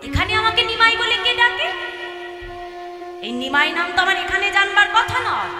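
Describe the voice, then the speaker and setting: A woman voicing an eager young male saint who asks excited questions in a devotional story. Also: very high voice, normal speed. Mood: wondering. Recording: echoey hall, far from mic, with music.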